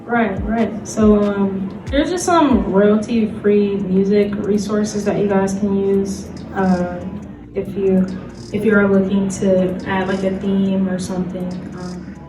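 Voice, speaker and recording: Taking it slowly, a woman gives an informal panel talk in a mid-range voice with fairly even intonation. She's loose and conversational, saying "like" a lot and letting out small laughs. Loud music sits behind her on a roomy, distant microphone.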